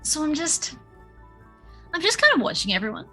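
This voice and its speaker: Brief: young woman, tabletop player, crisp bright tone, thoughtful. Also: sits high, wildly swooping pitch, normal speed, soft background music, rough recording. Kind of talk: casual tabletop role-play.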